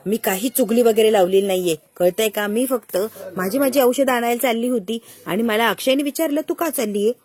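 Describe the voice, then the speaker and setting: A woman's voice: on the high side, fairly quick, few pauses, darkish tone, lightly acted. A woman playing an indignant mother. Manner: defensive, insistent explaining. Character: middle-aged mother, defensive and indignant.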